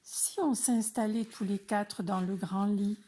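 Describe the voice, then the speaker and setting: A woman voicing an anxious little boy frog, with a high, worried childlike tone. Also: steady tone, unhurried, warm tone, husky.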